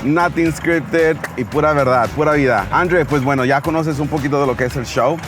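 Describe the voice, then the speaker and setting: An energetic man hosts an interview, his talk easy and lively as he slips between English and Spanish. Music plays clearly behind him. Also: fairly high pitch, a little fast. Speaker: host. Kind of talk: upbeat show intro and interview. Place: outdoors in a vehicle.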